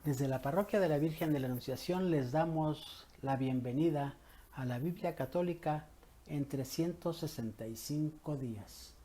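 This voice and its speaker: A man with a Mexican Spanish accent, a parish priest greeting the faithful, leading prayer and reading scripture in a slow, measured, solemn way. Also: on the high side, warm tone.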